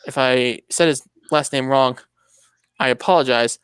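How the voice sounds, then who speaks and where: A man's voice: mid-range voice, a little slow, fairly bright tone, clean tone, no room sound. A man hosting a casual motorsport podcast, talking in a rambling, anecdotal way with many restarts. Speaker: podcast host.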